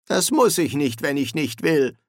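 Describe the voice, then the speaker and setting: A man's voice: fairly high pitch, very animated, a little slow, no echo, clean studio sound, voice pushed up, full character voice. A man voicing a curt, self-assured male senior wizard in an audiobook.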